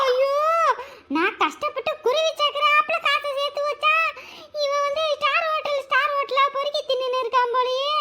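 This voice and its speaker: A woman's voice: very high-pitched, bright, forceful tone, slight background noise. A woman playing a jealous, scolding wife who cries out and laments dramatically in a comedy skit. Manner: dramatic lamenting, crying out to God. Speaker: comic actor in a skit.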